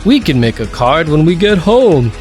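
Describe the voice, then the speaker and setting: A man voicing a kind, cheerful father bear in a picture-book reading, gentle and fatherly. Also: on the high side, big pitch swings, normal speed, faint music behind, pitched above the performer's own voice. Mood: fond.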